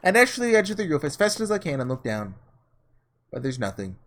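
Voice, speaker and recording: Fairly quick and a bit high, with big swings in pitch, a man reads visual novel text during a relaxed gaming video. As host, he muses out loud informally throughout the playthrough.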